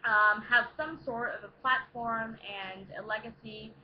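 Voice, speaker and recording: A woman's voice: on the high side, fairly even intonation, unhurried. A young woman chatting casually to viewers in a tipsy, rowdy, playful, rambling way as she answers questions. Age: young adult. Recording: dull lo-fi home recording, faint noise.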